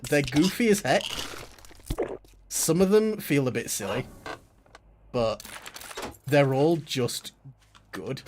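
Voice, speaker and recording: Goofy guy streaming a game at home, rambly chat, hiss in the background. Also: mid-range voice. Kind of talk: live game stream commentary. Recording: steady background noise.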